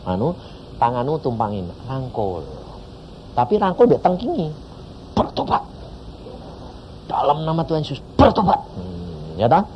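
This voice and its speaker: Animated Javanese-accented preacher, lo-fi tape. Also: male voice, mid-range voice, slight background noise. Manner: animated storytelling, acting out dialogue, laughing. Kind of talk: sermon with anecdotes.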